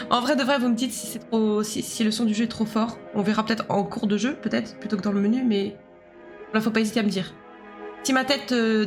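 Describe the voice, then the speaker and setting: A young woman chatting casually with her viewers while she streams a game, joking and talking to her chat. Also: a little high. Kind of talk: casual live game commentary.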